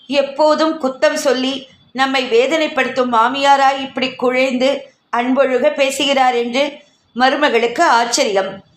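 Slow-reading woman storyteller. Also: sits high. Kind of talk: short story narration. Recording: echoey room.

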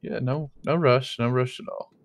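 A man's voice: medium pitch, fairly even intonation, normal speed, slight background noise. A man voicing his roleplay character in casual chat, rambling with many fillers and joking in a mock-innocent way. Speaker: streamer playing a roleplay character.

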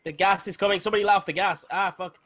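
A man's voice: high-pitched, fairly even intonation, rapid-fire, fairly bright tone. A young man chatting over a multiplayer game with a teammate, joking, swearing and shrieking when things get tense. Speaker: gamer. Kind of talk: excited gameplay chat.

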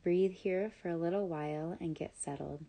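Guiding a scripted yoga nidra practice, a woman speaks in a lowish voice, offering measured, calm, and soothing instructions broken up by pauses.

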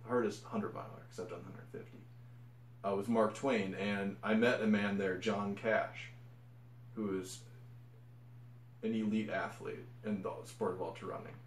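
An ultra runner vlogger talks casually and unscripted to camera about running challenges, enthusiastic but rambling and correcting himself as he goes. His voice is lowish and steady, at a moderate pace with long pauses. The echoey room carries a little hiss or hum.

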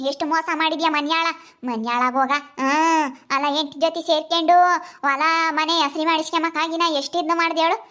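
A woman plays a bragging village woman who scolds in a high, rapid voice with a village Kannada accent. The recording is slightly dull and lo-fi. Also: a bit bright. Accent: Kannada, Karnataka village dialect. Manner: scolding, fast and emphatic. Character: boastful village woman proud of her rich uncle.

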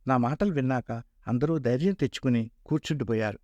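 A man in his sixties tells his own life story in a steady, earnest voice. His pitch sits in an ordinary middle range. The sound is close and dry, with no room around it. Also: fast talker, no room sound, muffled recording. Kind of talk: autobiographical narration.

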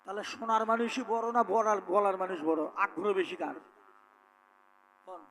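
A man preaching a devotional story in a sing-song way, pausing to question his listeners directly. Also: sits high, fairly bright tone, poor audio. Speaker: devotional folk singer and preacher.

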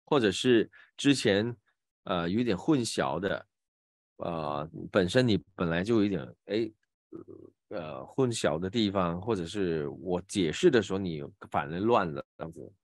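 A man with a fairly low voice and a Malaysian Mandarin accent teaches pronunciation in an online class. He explains patiently and stretches out each sample sound as he demonstrates it. His voice is close and dry, with no room sound around it. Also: lively intonation, measured pace, dry recording. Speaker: voice acting teacher.

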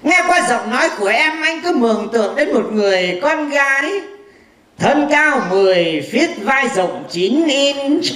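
A woman's voice: high-pitched, sing-song, a little slow, a bit bright, roomy sound, slight background noise, heavily acted. A woman playing a boastful, cheeky blind male fortune teller in a stage comedy sketch, chatty and mocking. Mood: teasing. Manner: chatty, mocking, full of teasing insults.

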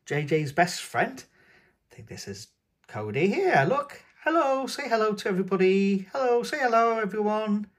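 Indoors at a tabletop, with his hands showing a book, a man reads a picture book to toddlers as host of his own channel. His high-pitched voice is sing-song and coaxing, at a normal speed.

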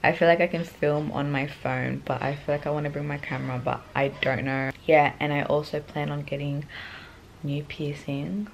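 A woman's voice: low voice, steady tone, normal speed, vocal fry, slight background noise. A young woman, vlogging in a groggy morning voice, rambling chattily with many fillers. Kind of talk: casual vlog chat to camera.

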